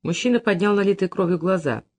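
Audiobook narrator, man, expressive and dramatic, wide lively pitch. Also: fast talker.

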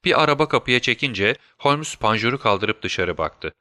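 A man narrating a detective story as an audiobook in a measured, even storytelling manner. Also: mid-range voice, no room sound, clean studio sound. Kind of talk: scripted narration.

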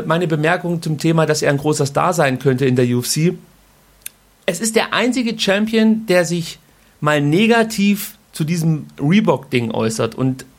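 A male podcast host talks through the news in a loose, conversational way, slipping in crude slang now and then. His voice sits a little higher than most men's. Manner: informal and colloquial, with crude slang. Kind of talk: casual news commentary podcast.

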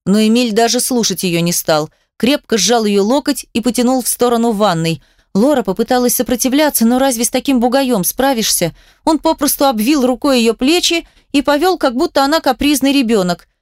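A woman reading an audiobook, with measured and expressive scripted narration. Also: fairly high pitch, dry recording, studio quality.

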